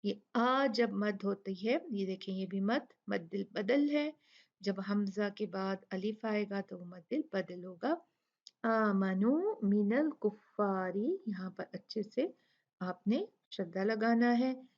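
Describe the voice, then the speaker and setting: A woman's voice: medium pitch, unhurried, a little mellow, muffled recording. A woman teaching recitation rules in a patient lesson, explaining each rule and stretching out the syllables she demonstrates.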